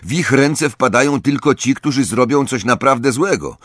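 Voicing an earnest, intense, and awkward young boy, a man reads aloud at a moderate pace, raising his pitch above his own voice while staying close to an everyday sound. His mid-range voice is fairly bright, recorded at studio quality without echo.

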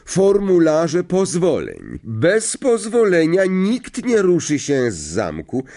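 A man voicing a strict older female professor who speaks slowly and emphatically in a raised voice. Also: fairly high pitch, wildly swooping pitch, dark tone, pitched above the performer's own voice, heavily acted. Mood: stern. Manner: stern, slow, emphatic.

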